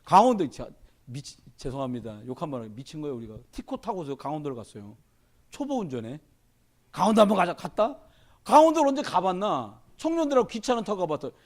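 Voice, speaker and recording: A middle-aged man preaching a sermon as pastor, telling stories with lively quoted dialogue. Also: a little high, quick pace. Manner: animated storytelling, shouting in quoted dialogue.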